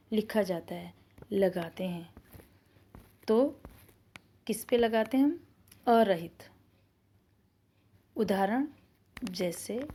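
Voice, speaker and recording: Woman teacher, slow and patient, talking young students through a lesson with self-answered questions. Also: medium pitch, a little mellow, slight background noise. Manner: slow, explaining patiently, asks questions and answers them herself. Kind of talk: online Hindi grammar lesson for children.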